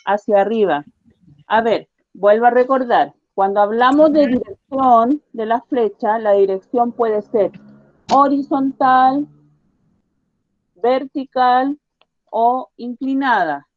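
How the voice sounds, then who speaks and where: Woman teacher, science lesson for kids, very slow and patient, higher voice, dry dull lo-fi sound. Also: no echo. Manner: patient, slow and deliberate, repeating questions. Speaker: primary school teacher. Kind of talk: online science lesson for children.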